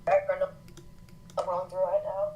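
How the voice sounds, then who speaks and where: A woman's voice: lowish voice, little pitch movement, slow pace, lo-fi sound. A woman co-hosting live weather commentary over a remote connection. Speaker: storm livestream co-host. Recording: roomy, noisy, patchy remote connection. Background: thunderstorm background noise.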